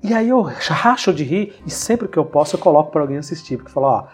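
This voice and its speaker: A man hosting a casual podcast conversation, telling anecdotes in a lively way. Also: fairly high pitch, quick pace, faint music behind. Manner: storytelling, animated retelling of anecdotes. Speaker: podcast host. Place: lives in São Paulo.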